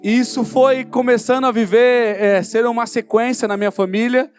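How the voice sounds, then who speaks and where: Brazilian male preacher, very high voice, fervent storytelling testimony. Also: steady tone, moderate pace, soft background music. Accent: Brazilian Portuguese. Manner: storytelling, acting out dialogue, growing fervent. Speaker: preacher giving his testimony. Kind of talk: sermon testimony. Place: church service in a hall.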